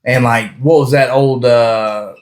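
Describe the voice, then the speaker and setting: A man's voice: medium pitch, steady tone, takes it slowly. A man co-hosting a podcast, talking loosely and rambling, swearing often in casual chat among friends. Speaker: podcast co-host.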